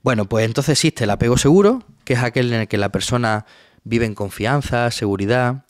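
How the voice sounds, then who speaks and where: A man's voice: medium pitch, a little fast, dry recording, clean studio sound. A man, a psychologist guest, explaining a topic patiently in a webinar and often checking in with his listener.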